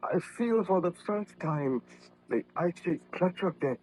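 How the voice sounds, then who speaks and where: On a noisy, lo-fi vintage radio drama recording, a man with a high, expressive voice plays a weak, guilt-ridden baron-scientist who is dying. His unhurried delivery is formal, solemn and declamatory, anguished, bitter and melodramatically doomed in old-time radio style.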